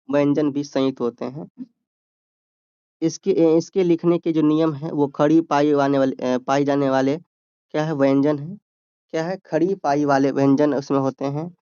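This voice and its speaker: A man's voice: fairly high pitch, fairly even intonation, moderate pace, mellow, clear, resonant tone, no echo, highs cut off. A man tutoring students for an exam, explaining grammar step by step and answering his own questions. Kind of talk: exam-prep grammar lesson.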